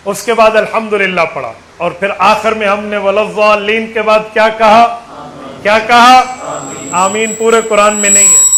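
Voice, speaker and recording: High-pitched fervent Saraiki-accented preacher. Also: male voice, sharp tone, slight background noise, rough recording. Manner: counts aloud and quizzes the audience. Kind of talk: sermon.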